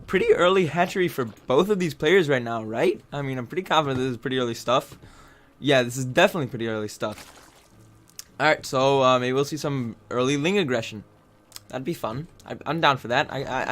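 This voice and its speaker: A man's voice: medium pitch, fairly bright tone. A man casually commenting on a video game replay, rambling and chatty, with many fillers and restarts.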